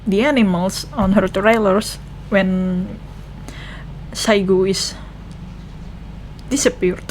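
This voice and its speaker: Chatting her way through a game, this young Indonesian vlogger reacts casually, thinks out loud, and moves between languages, speaking with an Indonesian accent. Her mid-range voice is slow and darkish in tone. The audio is poor, with slight background noise.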